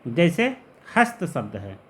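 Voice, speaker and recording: A man teaches Sanskrit grammar in a patient, explanatory way. His voice sits somewhat high and moves a lot in pitch. He drags out important terms slowly so the students can follow. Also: huge pitch swings, a bit bright.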